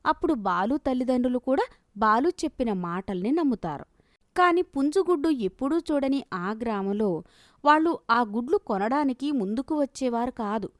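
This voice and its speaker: A woman narrating a storybook cartoon in a calm, steady storytelling manner. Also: a little high, moderate pace, dry recording, clean studio sound.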